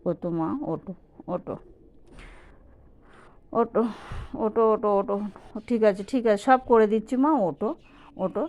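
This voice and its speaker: A woman's voice: mid-range voice, expressive, a little slow, pauses often, darkish tone. A woman, pleading and coaxing her sleeping pet in repetitive baby-talk. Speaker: pet owner.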